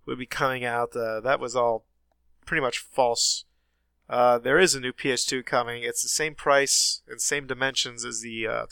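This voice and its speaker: A sinus infection makes this gaming podcast co-host sound stuffy as he chats casually through the news, dropping many ums and uhs. His voice is medium-pitched, sharp and smooth, recorded with no room sound.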